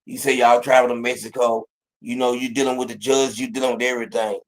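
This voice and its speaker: A man's voice: mid-range voice, flat delivery, fast, poor audio. A man hosting a casual interview, encouraging and full of faith talk, who keeps dropping "you know what I'm saying" into his sentences. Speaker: podcast host.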